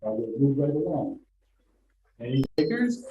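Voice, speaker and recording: A man's voice: medium pitch, very animated, normal speed, a little hiss or hum. Man, board chair, muffled fishbowl sound, echoey boardroom, dull audio. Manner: procedural, plainly worded. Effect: muffled, like speaking inside a fishbowl.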